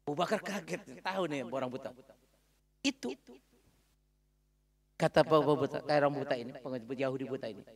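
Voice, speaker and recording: A male preacher telling a story in an animated, dramatic sermon in a mosque hall. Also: a little fast, creaky, long pauses. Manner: animated, dramatic, shifts between pitch and volume.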